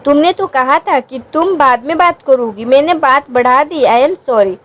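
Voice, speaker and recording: Lady reading as teasing young hubby in a story, high light voice, playful. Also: unhurried, fairly bright tone. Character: young man, teasing affectionate husband.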